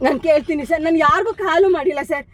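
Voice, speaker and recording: A woman's voice: high voice, quick pace. A woman pleading frantically inside a car, repeating sir again and again. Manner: begging, repeats sir over and over. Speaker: prank target passenger.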